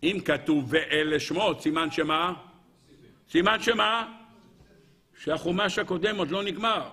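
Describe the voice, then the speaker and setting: A man, a rabbi, giving a weekly Torah lesson, asking rhetorical questions over and over and answering them himself, and addressing his listeners as gentlemen. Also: husky. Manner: animated, swings between high and low.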